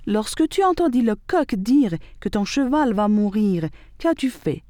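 A woman's voice: a little high, lively intonation, a little slow, mellow, dry recording, clean studio sound. A woman voicing a stern, wise old male prophet in a storybook who questions and warns. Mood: questioning.

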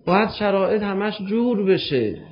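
Male preacher, high voice, emotional storytelling sermon, muffled recording. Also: lively intonation. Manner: emotional, addresses listeners directly. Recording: dull lo-fi recording.

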